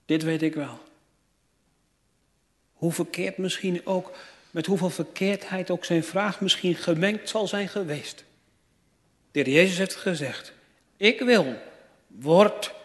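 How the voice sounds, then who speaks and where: Male preacher, rather high voice, slow and emphatic delivery of a sermon, recorded with long church-hall echo. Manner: slow, emphatic preaching with rising fervent appeals.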